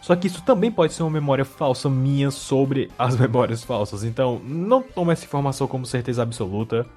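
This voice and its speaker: A man with a Brazilian accent speaks in a mid-range voice over soft background music. He delivers casual video-essay commentary and wanders into wry, joking asides. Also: medium pitch, lively intonation, fairly quick.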